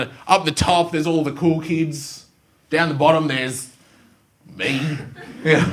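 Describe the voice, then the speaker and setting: Animated Australian man doing stand-up. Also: high-pitched. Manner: animated storytelling, acting out quick voices. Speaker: stand-up comedian. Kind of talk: live stand-up routine. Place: school theatre before a live student audience.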